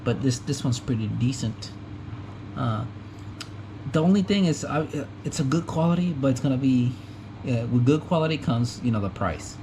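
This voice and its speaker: A man with an animated, mid-range voice at moderate pace rambles through a casual tool show-and-tell at a junkyard in Japan. The vlogger, born in the US to a Mexican family, leans on fillers, self-corrects, and chuckles. Recorded on a GoPro camera mic, the audio is noisy with an air-conditioning hum.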